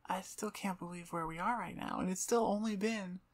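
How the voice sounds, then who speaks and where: Here the host's mid-range voice moves a little fast as she chats informally and teases herself in a rambling ASMR outro. Seated on the floor in front of her computer desk, she talks close to a mic set about twelve inches away at eye level.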